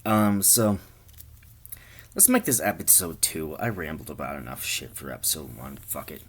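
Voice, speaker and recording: A man with a low, husky voice rambles through a made-up comedy story. He swears freely and jokes about himself as he goes. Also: expressive, normal speed, a bit bright. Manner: rambling, crude, self-deprecating. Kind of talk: rambling improvised comedy monologue.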